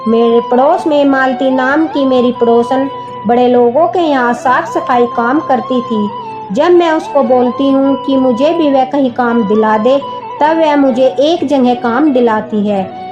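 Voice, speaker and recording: High-voiced woman telling a devotional story. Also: muffled recording. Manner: earnest, addresses listeners as devotees. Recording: background music under the voice.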